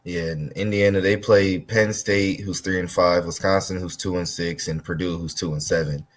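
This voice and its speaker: Man, very low voice, sports podcast co-host, halting casual talk. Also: steady tone, slight background noise. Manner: halting, stumbles and restarts often.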